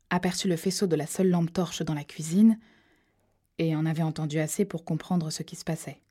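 Low husky woman narrating. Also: mellow. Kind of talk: audiobook reading of a thriller.

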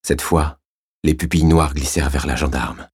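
A man reading a crime novel aloud as an audiobook narrator, in steady, measured scripted narration. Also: extremely low pitch, breathy edge, no room sound, studio quality.

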